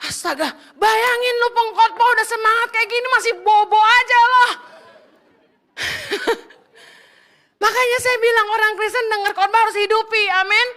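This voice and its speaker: A woman's voice: extremely high pitch, fairly even intonation, a little slow, bright, forceful tone. A woman pastor preaching a sermon in a blunt, fiery, joking way, scolding her congregation in casual street slang.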